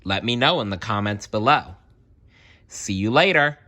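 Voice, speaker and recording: A storybook reader with a medium-pitched, bright, forceful, expressive voice narrates at normal speed for young children. It's animated read-aloud narration, speaking directly to the listeners.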